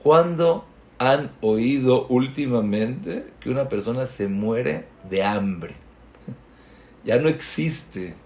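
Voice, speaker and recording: A man's voice: medium pitch, expressive, slow, darkish tone. A man giving a sermon, telling a story with earnest rising and falling emphasis.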